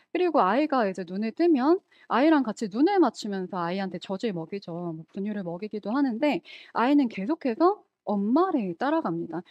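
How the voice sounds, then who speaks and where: A woman's voice: a little high, no echo, muffled recording. A woman preaching a sermon in a conversational way, often asking the congregation questions.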